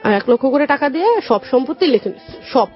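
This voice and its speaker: With a high-pitched voice that swings widely in pitch and a quick pace, a young woman with a Bangladeshi Bengali accent tells her life story as a radio interview guest. Her telling is colloquial and often reproduces conversations as dialogue, and the dull lo-fi broadcast carries music in the background.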